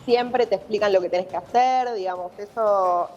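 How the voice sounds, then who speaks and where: A journalist abroad, she has an Argentine accent and a medium-pitched, slightly mellow voice, and she speaks at a moderate pace. She is explaining a situation in a live news interview, heard through a muffled remote link with long reverberation.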